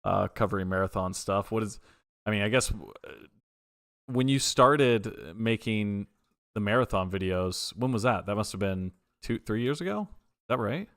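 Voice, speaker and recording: A man's voice: lowish voice, lively intonation, normal speed, a bit bright, no room sound, studio quality. A man hosting a livestream, interviewing casually in an effusive, informal way with rambling questions. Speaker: livestream host.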